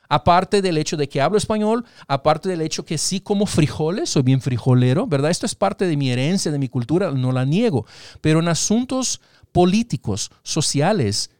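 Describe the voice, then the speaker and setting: A man talking politics in a casual discussion, with a fairly high voice and a very lively pitch that leaps as he argues. He keeps asking rhetorical questions and restarting his sentences. The sound is dry and close. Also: no echo. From Latin American roots, raised in the United States.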